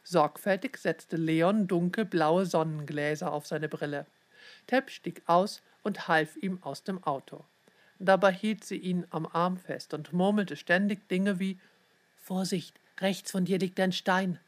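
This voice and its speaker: A woman narrating a children's story in a clear, even storytelling manner. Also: lowish voice, a little slow.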